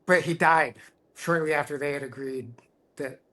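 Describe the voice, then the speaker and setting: A middle-aged man speaks candidly as a podcast guest, his voice sitting a little high for a man. He sounds reflective and earnest, and he often stops and restarts a phrase as he works through a personal story. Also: fairly even intonation, moderate pace, a bit bright. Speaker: guest, tattoo artist.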